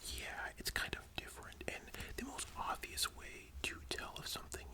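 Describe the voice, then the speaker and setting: A voice in a soft library whisper, giving an explanatory lesson as an ASMR whispered role-play. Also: normal speed. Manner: explanatory, checking the listener understands. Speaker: ASMR content creator.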